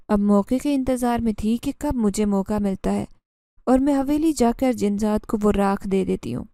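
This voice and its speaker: A woman narrating a first-person horror story in a steady, scripted storytelling manner. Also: medium pitch, dry recording.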